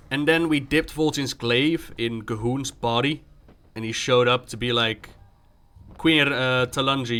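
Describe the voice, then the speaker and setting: A man's voice: medium pitch, bright, forceful tone, smooth. A man streaming a game, commenting live, joking, recapping the story and acting out dialogue as he reads.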